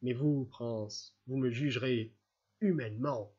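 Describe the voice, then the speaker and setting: Homme lisant un employé obséquieux et rusé. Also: male voice, mid-range voice, slow, darkish tone, slightly rough, lo-fi sound, soft background music. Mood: pleading. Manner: wheedling, self-abasing pleading. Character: fawning scheming middle-aged male clerk.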